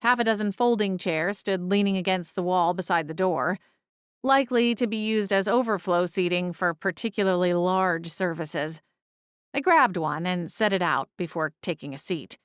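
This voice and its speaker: A woman's voice: lowish voice, normal speed, clear, resonant tone, no room sound, studio quality. A woman reading scripted first-person story narration as an audiobook narrator.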